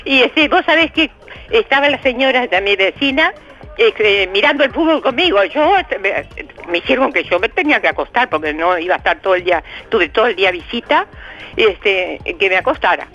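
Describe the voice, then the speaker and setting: An older woman with a Uruguayan accent calling in to a radio show, chatty and excited, laughing often and filling pauses. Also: medium pitch, highs cut off, soft background music. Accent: Uruguayan Spanish. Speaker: radio caller. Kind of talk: casual phone chat.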